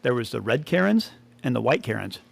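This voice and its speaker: A man's voice: medium pitch, sing-song, brisk, creaky. A man co-hosting a podcast in casual chat, rambling, laughing often and trailing off mid-sentence. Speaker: podcast co-host.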